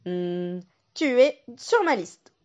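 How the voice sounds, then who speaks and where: A woman's voice: fairly low pitch, sing-song, slow pace, darkish tone, smooth, lo-fi sound. A woman voicing a hungry but sentimental male wolf who muses and grumbles to himself. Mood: musing.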